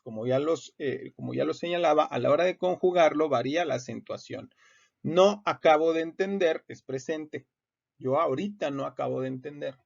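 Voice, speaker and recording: A man explains spelling rules for court documents in a patient lecture. His fairly high voice carries a gravelly edge. The sound is muffled and lo-fi. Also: darkish tone. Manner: patient, repeats points with many hesitations. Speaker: teacher. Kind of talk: explanatory lecture on legal writing. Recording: muffled lo-fi audio.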